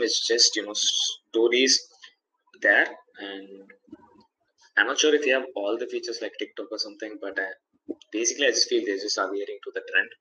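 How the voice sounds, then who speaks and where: A man's voice: fairly low pitch, sharp tone, a little hiss or hum, poor audio. A young man from India co-hosting a casual tech chat, talking in long rambling stretches full of fillers. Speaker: podcast co-host.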